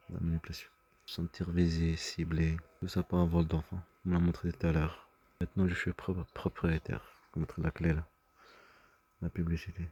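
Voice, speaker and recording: A man's voice: low voice, vocal fry, dark tone, husky, highs cut off. A man talking in a rambling personal monologue, agitated and often stumbling over and repeating his words. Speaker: vlogger.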